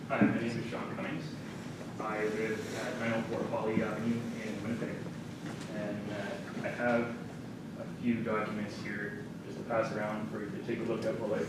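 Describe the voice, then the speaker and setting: A man, an architect, giving a measured, formal statement to council, heard on a distant, echoey council chamber recording. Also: fairly low pitch, monotone. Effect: echoey council chamber recording from a distant room mic. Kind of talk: prepared statement at a public hearing. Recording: roomy chamber, far mic, loud background hiss.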